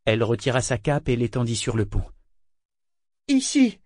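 A man narrating a fantasy novel in a steady, measured way. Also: mid-range voice, no echo, studio quality. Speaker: audiobook narrator. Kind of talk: dramatic audiobook narration.

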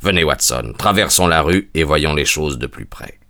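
A man voicing a sharp, commanding male detective in an audiobook, in a brisk and decisive manner. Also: extremely low pitch, expressive, no echo, studio quality, full character voice. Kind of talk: audiobook character reading.

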